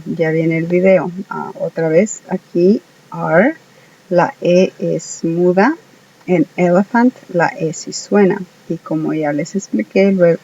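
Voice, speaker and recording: Slow hesitant teacher voice, lots of ums, kinda off mic and muffled. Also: medium pitch, mellow, distant mic. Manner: hesitant, many filler sounds; slow careful word repetitions. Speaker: English teacher. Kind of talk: slow home-made lesson.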